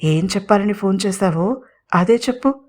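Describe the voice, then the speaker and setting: A woman narrator voicing a tender, teasing young man on the phone, speaking softly and playfully in an audio story. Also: expressive, moderate pace, lightly acted. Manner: soft and low, playful.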